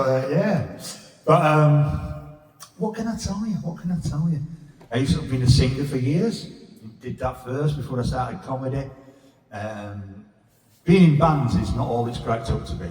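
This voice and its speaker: A man's voice: medium pitch, darkish tone. A man in his fifties with a Sheffield accent, doing a blunt, sweary, rambling stand-up set in a pub. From England. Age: 50s. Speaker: stand-up comedian. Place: pub function room. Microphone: stage mic with reverb. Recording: echoey reverb room from far off.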